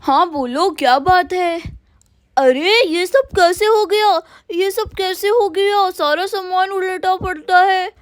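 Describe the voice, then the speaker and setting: A woman's voice: very high-pitched, takes it slowly, no room sound, clean studio sound. A woman voicing a worried old village grandfather in a doll cartoon, with a fretful, questioning manner. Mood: alarmed.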